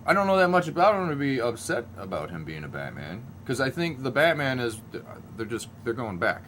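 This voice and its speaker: A man's voice: mid-range voice, very animated, fairly quick, a bit bright, slight background noise. A man in his thirties hosting a podcast, rambling casually and laughing often as he jokes. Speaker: podcast host. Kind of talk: casual chat.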